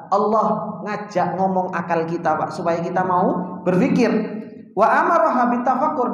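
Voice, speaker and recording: A man with a Javanese accent teaching a Quran commentary lesson, often asking rhetorical questions with a sharp upward jump and calling the listeners "Pak". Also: high voice. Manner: addresses listeners as "Pak", mixes in Arabic recitation. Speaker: Islamic teacher. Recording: very echoey hall with long reverb.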